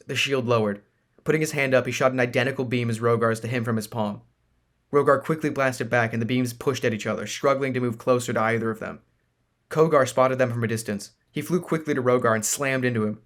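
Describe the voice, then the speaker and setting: A man narrating a science-fantasy novel in a steady, plain reading voice. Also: medium pitch.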